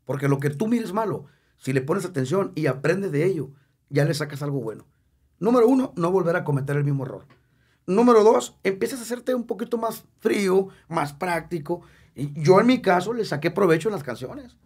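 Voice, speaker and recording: Husky, emotional Mexican man in his fifties. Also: sits high, expressive, brisk, a little mellow. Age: 50s. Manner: emotional, candid, jokey, repeats words for emphasis. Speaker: singer, interview guest. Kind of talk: candid casual interview.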